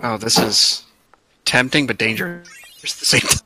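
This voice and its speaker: A man's voice: medium pitch, animated, moderate pace, pushed and bright, slight background noise. A young man chatting over voice chat with friends, teasing, laughing often and swearing freely. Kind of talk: casual gaming voice chat.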